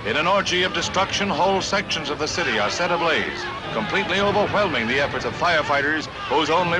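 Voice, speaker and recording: A man voices a 1950s newsreel in a dramatic, punchy announcer style, his voice sitting on the higher side. He tosses in wry one-liners between the stories. A strong music bed plays clearly under his voice. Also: rough recording. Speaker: newsreel narrator.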